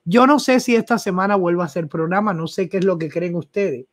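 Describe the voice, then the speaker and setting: A middle-aged Cuban woman talks a little fast in a lowish voice, hosting a live news show from her small home studio through a desk microphone. With her Cuban accent, she keeps it chatty and affectionate, calling viewers by name and reading their comments out.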